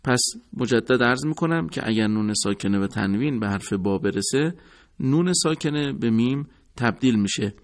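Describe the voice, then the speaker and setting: A man teaching Quran recitation rules in a measured, formal way, repeating each rule. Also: mid-range voice, expressive. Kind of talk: recorded tajwid lesson.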